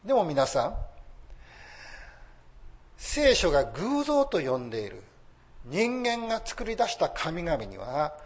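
Male pastor, sermon delivery, somewhat high voice with animated intonation. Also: slow pace, pauses often. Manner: lively preaching, rising emphasis on key phrases.

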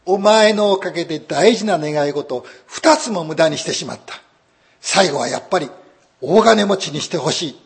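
A man voicing a short-tempered old husband from a folk tale, gruff and barking. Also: on the high side, sing-song, unhurried, exaggerated voice. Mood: grumbling. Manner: gruff, barking when angry. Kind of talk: folk tale told in a sermon.

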